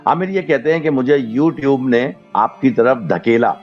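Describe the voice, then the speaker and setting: A male podcast host in a casual chat, thanking listeners by name in a relaxed, chatty way and slipping into English thank-yous. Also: medium pitch. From Pakistan. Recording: dull lo-fi recording with faint music.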